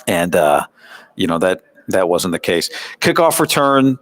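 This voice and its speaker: A show host with an American accent gives a conversational, analytical practice recap in sports commentary, tossing in rhetorical questions and asides. His low voice is sing-song, a little slow, and a bit bright.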